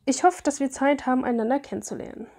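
A woman voicing an excitable young male housekeeper who is a starstruck fan, reading his lines in a flustered, raised voice. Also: high-pitched, fast. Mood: coaxing.

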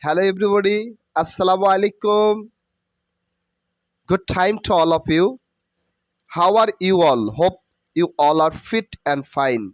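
Guy teaching english letters, high-ish voice, dry close mic, says everything over and over. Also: dry recording. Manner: slow, earnest, repeats letters over and over. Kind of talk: spoken lesson mixing Bengali and English.

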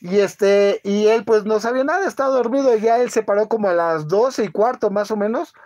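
A man, hosting a casual live-stream chat and telling a halting story full of fillers. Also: high voice, darkish tone. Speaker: channel host.

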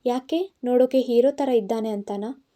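A woman's voice: fairly high pitch, moderate pace, warm tone, lightly acted. A woman reading the part of an angry, protective young man in an audiobook, scolding and insistent. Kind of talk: audiobook narration.

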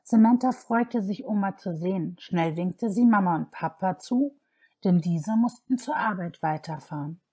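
A woman narrating a children's fairy tale audiobook. Her voice sits a little low and sounds mellow, with a husky edge. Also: moderate pace. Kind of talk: scripted narration.

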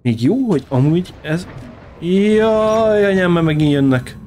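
With soft music in the background, a man with a high voice hosts a casual gaming let's-play. He's excitable, swears freely, and taunts his on-screen foes.

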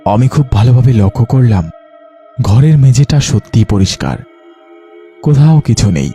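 A man's voice: mid-range voice, lively intonation, moderate pace, dark tone, faint music behind. A man narrating a dramatized first-person ghost story in an earnest, dramatic way.

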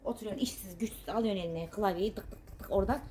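Casual vlogger, woman from Turkey, thirties, indignant banter in a noisy outdoor garden recording, mid pitch. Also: racing. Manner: sharp-tongued and indignant, then chatty. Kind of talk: casual vlog chat while gardening.

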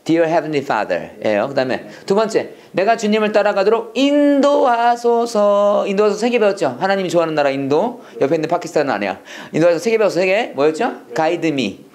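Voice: medium pitch, sing-song, fast talker, few pauses, a little mellow. A Korean speaker teaching English prayer phrases to a class, drilling lines and having students repeat. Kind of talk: classroom lesson, call and response drills.

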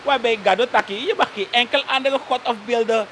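On a live talk show, a political commentator guest with a Surinamese Dutch accent holds forth fairly quickly in a high, bright, forward voice. He tags nearly every sentence with a questioning "toch?" and slips into Sranan phrases, with a faint hiss running underneath.

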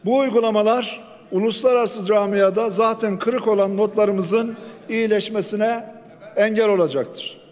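Male lawmaker at a rostrum microphone, higher voice, formal, reverberant hall. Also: steady tone, normal speed, darkish tone. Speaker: member of parliament giving a speech. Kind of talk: formal parliamentary floor speech. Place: large parliament chamber. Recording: long reverb of a large chamber.

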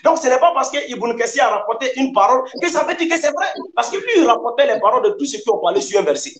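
A man with a high voice argues over a video call, lecturing and insistent. He presses his points again and again. His sound carries a noticeable room echo. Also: big pitch swings, quick pace, fairly bright tone, slight background noise. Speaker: debater. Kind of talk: heated online debate.

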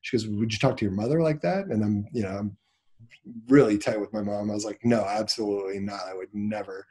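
Husky-voiced man telling a story. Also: on the low side, a little fast. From Nebraska, USA. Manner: animated storyteller, acts out quoted dialogue. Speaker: business owner, interview guest. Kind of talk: casual storytelling interview.

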